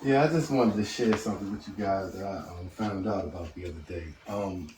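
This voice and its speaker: A man's voice: deep voice, fairly quick, a little mellow, reverberant, slight background noise. A man calling into a group voice chat, hesitant with many fillers, his phone held away from his mouth so he sounds faint and distant. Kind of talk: casual chat.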